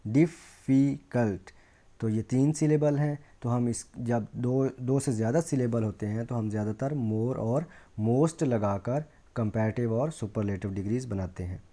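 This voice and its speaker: Dark-voiced man teaching grammar. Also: mid-range voice. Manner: explains slowly, reading out English examples. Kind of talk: grammar lesson.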